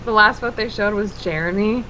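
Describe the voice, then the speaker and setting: A woman's voice: medium pitch, brisk, bright, forceful tone, muffled recording, slight background noise. A woman co-hosting a casual podcast chat, opinionated and dryly sarcastic. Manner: opinionated and wry, sarcastic asides. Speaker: podcast co-host.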